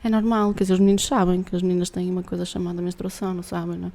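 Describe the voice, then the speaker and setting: A woman's voice: lowish voice, level tone, racing, warm tone. A woman with a European Portuguese accent, a guest speaking frankly in casual chat, often adding tag questions.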